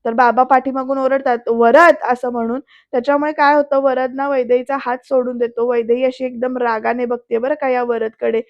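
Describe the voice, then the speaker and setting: A woman with a Marathi accent tells a serial episode back as voice-over, speaking right to her viewers. Her voice sits high, and the recording is dry and a little dull, with no room sound. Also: brisk, few pauses, no room sound. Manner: lively storyteller, addresses viewers directly. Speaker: serial recap narrator. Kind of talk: voice-over episode recap with acted quotes.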